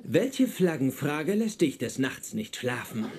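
A man's voice: medium pitch, very animated, unhurried, noisy background. A man dubbing a pedantic, socially awkward male genius physicist in a sitcom, speaking in a precise, formal and stiff way. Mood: prim. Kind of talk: dubbed sitcom acting.

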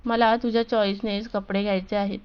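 Woman doing a pouting young bride-to-be, smooth clear voice, dull lo-fi sound. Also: mid-range voice, little pitch movement, natural voice. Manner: pouting, quick to scold.

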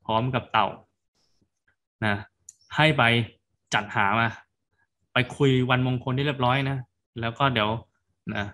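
Monk retelling a tale in a chatty way. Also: male voice, medium pitch, fairly even intonation, measured pace, long pauses. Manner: casual storytelling, tags sentences with soft particles. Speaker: Buddhist monk teacher. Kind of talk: sermon retelling a folk tale.

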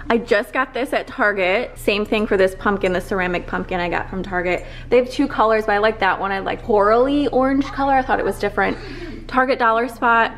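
A young woman and stay-at-home mom vlogging casually to the camera at home, chatty and filling her talk with "like", tearful as she opens up. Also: mid-range voice. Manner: chatty, filler-heavy, emotional and tearful in the coffee chat. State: crying.

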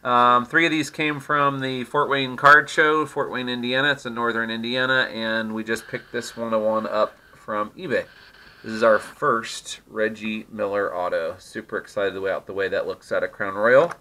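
A middle-aged man runs a card-opening channel, teasing and laughing through casual commentary while opening trading card packs at his home desk. His medium-pitched, steady, sharp voice moves at a normal speed, and the recording quality is low.

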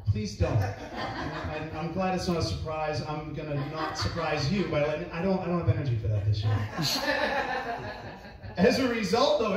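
A man doing a stand-up comedy set, chatty and self-mocking, laughing at his own jokes. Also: high voice. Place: comedy club stage. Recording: roomy club from far off, crowd laughing.

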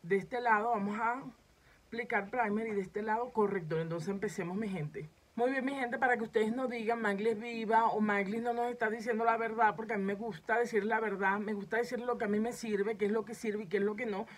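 A woman's voice: mid-range voice, steady tone, a little fast, breathy edge, rough recording. A woman makeup vlogger demonstrating a makeup tutorial, chatting directly to her viewers as she films herself at home. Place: home setup filming herself.

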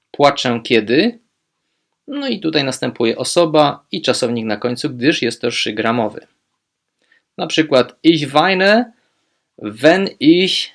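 A man teaching language, speaking German phrases slowly and clearly, then explaining them with quick asides. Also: mid-range voice, fairly bright tone. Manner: slow, modelling German phrases deliberately, quick asides in Polish.

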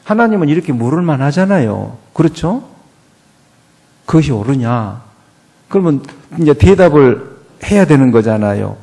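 A man preaching a sermon as pastor at a church, asking rhetorical questions and swinging from quiet to loud. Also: a little high, big pitch swings, moderate pace, gravelly, long pauses.

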